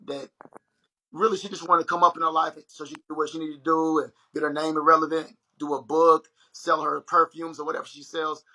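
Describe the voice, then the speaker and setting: A young man hosts a casual livestream and talks straight to his viewers. His voice is high, very bright and husky. He tells his story in an animated way. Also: rough recording. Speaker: livestream host. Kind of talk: casual chat.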